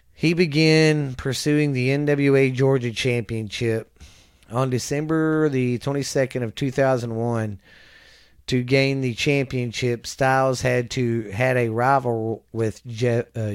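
A man's voice: medium pitch, clean tone, no echo, clean studio sound. A man hosting a casual podcast, reading a wrestling history recap from notes, often stumbling over names, correcting himself and chuckling at his slips. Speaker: podcast host.

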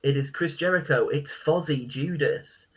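A man hosts a casual podcast quiz, reading each clue in a deliberately deadpan delivery. His voice is bright and a little husky, and the recording sounds dull and lo-fi. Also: fairly high pitch. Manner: reads lyrics in a deadpan voice. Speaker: quiz host.

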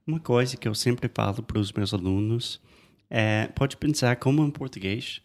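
In a bilingual lesson chat, a male English teacher and co-host whose native tongue is English patiently demonstrates phrases, frequently repeating "perfect." He speaks at a moderate pace with a medium pitch.

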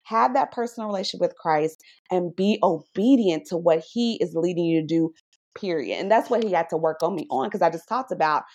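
A woman sharing her faith testimony in a podcast conversation, animated and preacherly, often checking in with "right?". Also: on the low side, a little fast. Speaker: podcast guest.

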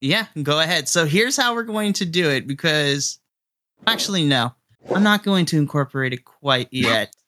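A man running a tabletop game as dungeon master, animated and laughing often. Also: on the high side, normal speed.

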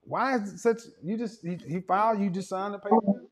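Blunt guy hosting a call-in show, high voice, talks over callers. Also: a little fast. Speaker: host taking callers.

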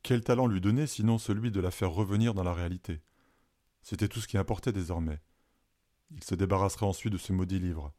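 A man reading a children's story aloud as narrator in a calm, steady way. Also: low voice, fast.

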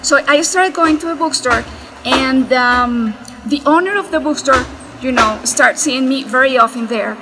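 A woman from Colombia speaking English with a Colombian Spanish accent, answering slowly and searching for words in a bookstore cafe. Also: sits high. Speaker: bookstore owner. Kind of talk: casual interview answers. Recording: echoey room with faint noise.

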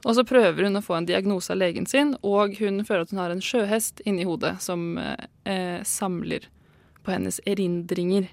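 A woman hosting a radio chat, talking quickly and chattily with many hesitations. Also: mid-range voice, creaky, no room sound. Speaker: radio host.

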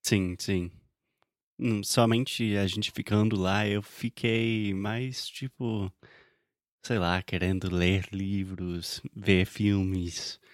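A man's voice: lowish voice, steady tone, very slow, dry recording, clean studio sound. A man co-hosting a podcast in casual conversation, often hesitating as he searches for words. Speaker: podcast co-host.

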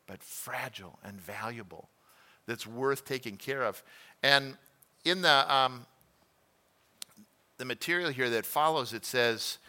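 A man's voice: medium pitch, pushed and bright. A middle-aged male pastor teaching a conversational sermon class, telling home stories and asking the room questions. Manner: conversational, self-deprecating, asks the room questions.

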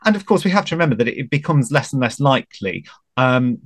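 A man with a mid-pitched voice recounts royal history in an easy, halting way, full of pauses and self-corrections. The recording is close and dry. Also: expressive, no room sound. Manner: hesitant, many ums and restarts, careful. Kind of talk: casual chat.

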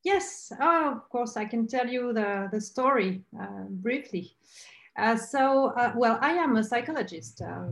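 A woman's voice: a little high, echoey room, poor audio. A woman with a French accent, a researcher answering interview questions over a call, hesitant with many fillers. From France. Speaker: guest researcher.

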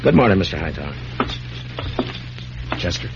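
Deep-voiced Matt Dillon, stern marshal. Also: male voice, very animated, normal speed, vocal fry, background noise, exaggerated voice. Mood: businesslike. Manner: dry, sarcastic, authoritative. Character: stern, sardonic frontier U.S. marshal, man. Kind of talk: old-time radio western acting. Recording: muffled old radio recording, music behind.

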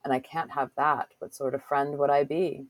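A man's voice: on the high side, little pitch movement, normal speed, voice pushed down, close to an everyday voice. Woman putting on a teasing Scottish man. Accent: Scottish, put on.

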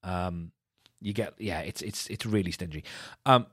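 A man's voice: deep voice, a little slow, a bit bright, no echo, clean studio sound. A man hosting a podcast, giving casual solo commentary in a wry, mocking way, with many restarts and repeated words. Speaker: podcast host.

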